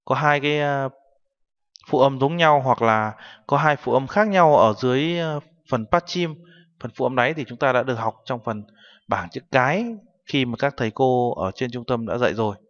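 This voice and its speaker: A man's voice: medium pitch, moderate pace. A man teaching a language lesson, patiently explaining and translating each term word by word. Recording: dull recording with long reverb.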